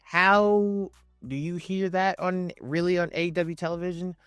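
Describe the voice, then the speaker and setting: Guy doing opinionated countdown commentary, kinda high voice, really emphatic and slangy, dry close sound. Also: fairly even intonation, a little slow, fairly bright tone, clean tone, no echo, soft background music. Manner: emphatic, slangy and swearing, repeats phrases for stress. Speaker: video host ranking wrestling promos.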